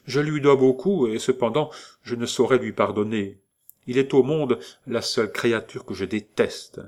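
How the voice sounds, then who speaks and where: A man's voice: moderate pace, darkish tone, natural voice. An anxious, pious young woman from a storybook, as a male reader puts her on. She pleads in a lifted, emotional voice, full of longing. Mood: bitter. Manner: pleading, emotional, raised pitch.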